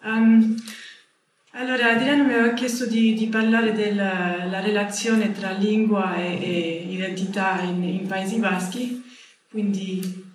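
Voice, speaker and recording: A woman in gives an informal academic presentation as a guest speaker, in halting phrasing. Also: mid-range voice, little pitch movement. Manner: halting, non-native phrasing. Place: indoor conference room. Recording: echoey room, faint noise.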